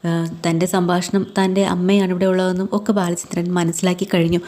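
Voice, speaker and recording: A woman hosts a casual recap of a TV serial episode, telling it in a chatty way. Her voice sits low and sounds warm and mellow. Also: flat delivery, brisk. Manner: chatty, tags lines with kettō.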